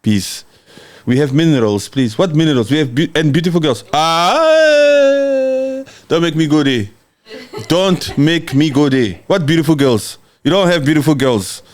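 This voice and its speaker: On his casual livestream, this man reads out and responds to viewer comments with brash, mocking jokes, frequently breaking into laughter. His voice is on the high side and expressive, at a measured pace.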